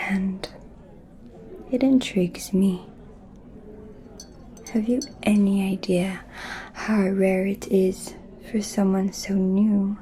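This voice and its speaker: In an ASMR roleplay, a woman plays an ancient vampire lady with a breathy, mellow whisper at medium pitch. She speaks super slowly and seductively, deliberate and intimate, pausing often, with a somewhat menacing edge.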